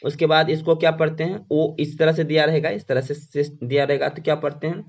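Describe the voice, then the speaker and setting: A man's voice: on the high side, fairly even intonation. Male teacher asking and answering, lo-fi sound. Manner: explains slowly, asks questions and answers them himself. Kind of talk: classroom lecture. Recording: dull lo-fi sound.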